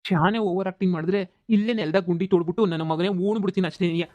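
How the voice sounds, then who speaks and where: A man voicing a bullying, foul-mouthed middle-aged village landlord who shouts insults and threats, in a comedy cartoon. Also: sits high, fairly even intonation, quick pace, no room sound, muffled recording, close to an everyday voice. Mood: angry, threatening.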